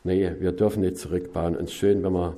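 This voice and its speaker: A man's voice: deep voice, level tone, fast. Man giving a folksy mission report. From Saxony. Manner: folksy, with frequent tag questions; swings between loud emphasis and soft asides. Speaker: missionary preacher.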